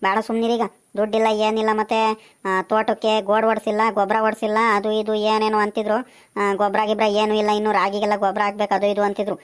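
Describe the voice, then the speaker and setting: A woman playing a young village daughter-in-law, turning down offers in low, grumbling refusals. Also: completely flat delivery, quick pace, close to an everyday voice.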